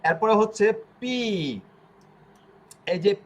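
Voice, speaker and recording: A man runs an online language lesson, his voice sitting a little high. He explains patiently and says each letter sound over and over. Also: slow pace. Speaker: language teacher.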